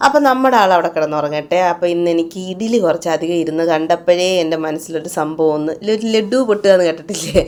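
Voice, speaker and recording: A woman's voice: lowish voice, fast, few pauses, a little mellow. A woman vlogger chatting casually in a voice-over about cooking and her child, often tagging her sentences with "you know". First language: Malayalam speaker. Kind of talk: casual voice-over narration of a home day.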